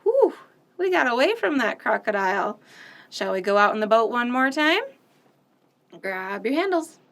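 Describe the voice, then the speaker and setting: A woman hosts kids' storytime at normal speed, her voice fairly high. She brings picture books and nursery songs to life in an animated, sing-song fashion, complete with loud, playful sound effects.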